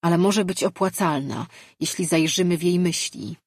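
A woman reading the part of a stern, weary male leader, speaking firmly and in measured phrases. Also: lowish voice, darkish tone, breathy edge, no echo, clean studio sound. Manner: firm, measured.

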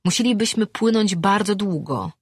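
A woman's voice: medium pitch, animated, normal speed, breathy edge, no room sound, clean studio sound, voice pushed up. A woman voicing a cheerful, bold young sea-dwelling boy with a confident, teasing manner. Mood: doubtful.

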